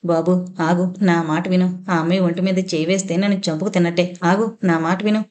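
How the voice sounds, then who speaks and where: A woman's voice: on the low side, steady tone, brisk, darkish tone, close to an everyday voice. A woman reading out the lines of an anxious older mother who begs her son to stop, in an audio novel. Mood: pleading. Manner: pleading.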